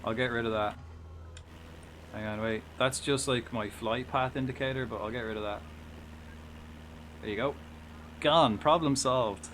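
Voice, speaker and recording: An Irish man chats casually as he streams a game, with a clear drone of engine noise behind him. His voice sits at a middling pitch. He rambles, swears freely and talks back to his viewers as he plays. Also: fairly even intonation, moderate pace, long pauses, fairly bright tone. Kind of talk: casual live gaming commentary while playing a flight simulator.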